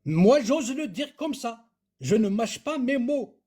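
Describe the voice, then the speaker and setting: A man's voice: extremely high pitch, very animated, slow pace, warm tone, slightly rough. A man from Kabylie arguing emphatically in a heated live political debate. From Kabylie, Algeria. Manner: emphatic, repetitive, switches into Kabyle.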